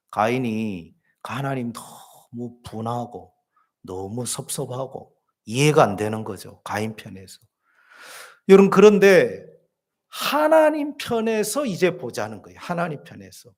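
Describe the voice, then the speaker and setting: A man preaching a sermon as pastor, telling everyday stories and asking the congregation questions. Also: medium pitch. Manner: lively storytelling with everyday examples and questions to the congregation. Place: church.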